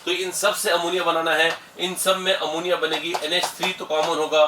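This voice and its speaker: A man's voice: on the high side, little pitch movement, fairly quick, pushed and bright. A middle-aged man with an Indian accent teaching a chemistry lesson, explaining steps patiently and calling his students beta. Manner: explanatory, addresses students as beta, mixes English terms. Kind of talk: classroom lecture. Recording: echoey room, mic at a distance, faint hiss.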